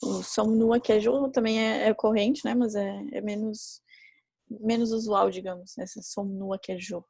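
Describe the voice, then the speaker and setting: A woman teaching a live online class who explains patiently and repeats each example slowly. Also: mid-range voice, steady tone, gravelly, warm tone, slightly rough, dry recording. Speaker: French teacher.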